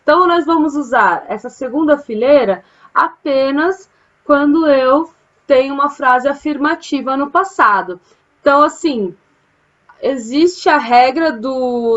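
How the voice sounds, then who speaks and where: A high-voiced woman from Brazil leads a casual English grammar lesson from her home. She takes her time and keeps checking that her students follow along. The sound is a little dull and lo-fi. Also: measured pace, fairly bright tone. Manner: explains patiently, often asks "né?" and "tá, gente?". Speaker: English teacher. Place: home, during quarantine.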